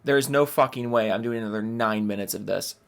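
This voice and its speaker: A man's voice: fairly low pitch, fast talker, gravelly. A man giving casual reaction commentary, talking in a sarcastic, mocking, exasperated way and swearing freely. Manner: profane, exasperated.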